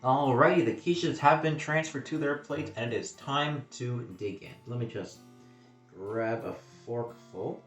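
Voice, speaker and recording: A man's voice: mid-range voice, a little slow, fairly bright tone, recorded from a distance, soft background music. Chatty man vlogging in an echoey room. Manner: chatty and self-deprecating, eating on camera. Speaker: food vlogger. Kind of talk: casual food vlog talk.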